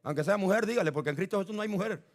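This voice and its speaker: A man preaching a fiery sermon to his church on a microphone, shouting and exhorting the congregation. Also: high-pitched, very fast. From Latin America. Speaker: pastor. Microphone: handheld microphone.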